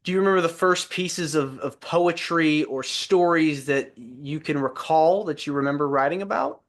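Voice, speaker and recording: A man hosts an interview podcast with an upbeat, positive manner. His voice sits a little higher than most men's. He welcomes his guest and asks friendly questions. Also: normal speed. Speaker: podcast host.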